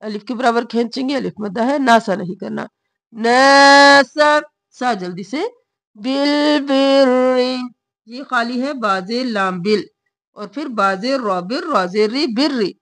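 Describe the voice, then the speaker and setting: Chanting verses in long, stretched tones before quickly explaining the pronunciation, a woman teaches Quran recitation. Her voice is medium in pitch and a bit bright, and there's no echo.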